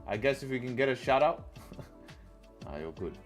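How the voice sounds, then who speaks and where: A young man from Dubai offers relaxed, casual commentary during a live trading stream, speaking into a headset in a small room with music in the background. His mid-range voice moves at a moderate pace, and he repeats phrases and calls viewers "bro" and "man."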